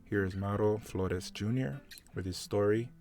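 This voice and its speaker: A male podcast host reads a scripted introduction in a measured way. His low voice is gravelly and full of fry. Soft plucked guitar plays faintly behind him. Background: faint guitar music.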